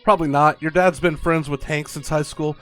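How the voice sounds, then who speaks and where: Guy reading as a worried nagging mom, keeps repeating herself, soft game music under it. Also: on the high side, steady tone, fairly quick, voice pushed down, natural voice. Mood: resigned. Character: worried middle-aged mother, talkative and fretful. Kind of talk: reading game dialogue aloud in character.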